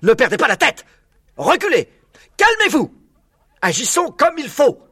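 A man's voice: medium pitch, normal speed, no echo, clean studio sound. A man voicing a cunning, proud fox father who leads his cubs, in a storybook reading. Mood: excited. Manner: gleeful shouts when excited, hushed whispers when careful.

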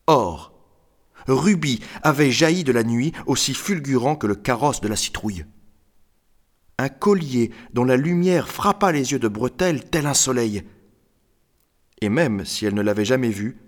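A man reading a novel aloud as narrator, steady and even in his storytelling. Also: mid-range voice. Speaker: audiobook narrator.

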